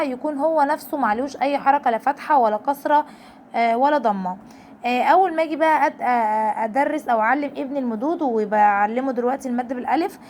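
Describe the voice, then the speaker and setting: A woman with an Egyptian Arabic accent teaches parents a reading lesson, explaining patiently and drawing out syllables to demonstrate. Her voice is high-pitched, with a slight hiss or hum in the recording.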